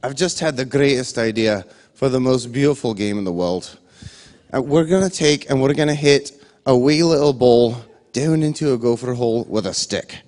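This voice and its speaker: Putting on a Scottish accent, a man with a natural mid-range voice portrays a bragging elderly golf legend from Scotland. At a moderate pace, he tells a meandering, funny story that builds into excitable ranting for a comedy sketch.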